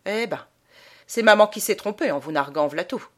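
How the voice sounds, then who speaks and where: A woman's voice: mid-range voice, sing-song, a little slow. A woman reading aloud and voicing a sneering, menacing young male vagabond who laughs at the priest. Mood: indifferent. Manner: mocking, jeering, laughing.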